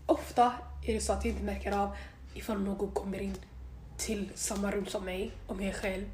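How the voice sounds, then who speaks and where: A young woman co-hosting a casual chat, talking softly, trailing off and mixing in English phrases. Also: medium pitch, little pitch movement. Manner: soft-spoken, trails off, mixes in English. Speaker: podcast co-host. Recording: echoey room with faint noise.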